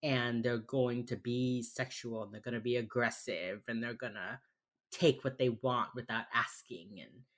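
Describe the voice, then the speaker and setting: An American woman with a Miami accent, co-hosting a casual podcast chat in an informal, sweary, halting way. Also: very deep voice, fairly even intonation. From United States. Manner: informal, sweary, halting with many filler phrases. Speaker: podcast co-host.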